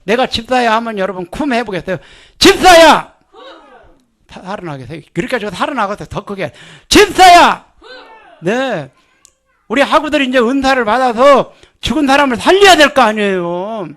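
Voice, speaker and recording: Older male preacher, high-pitched, emphatic, leads the crowd in repeating lines. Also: animated, a little fast, a bit bright. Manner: emphatic, calls on the congregation to repeat. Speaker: seminary dean preaching. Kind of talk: sermon.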